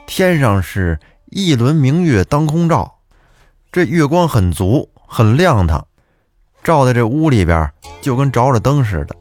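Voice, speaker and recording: A man's voice: medium pitch, darkish tone. A man telling a folk ghost tale in a chatty, vivid, colloquial way. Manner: chatty, vivid, with Beijing-style erhua. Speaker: storyteller. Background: faint guitar music.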